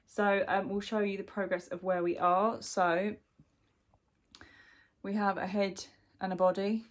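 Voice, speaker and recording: This crochet vlogger from the UK speaks at a medium pitch, keeping her tone level and her pace measured. Stuffy with a cold, she talks casually through her work-in-progress, stumbling over lots of ums and restarts in a relaxed show-and-tell.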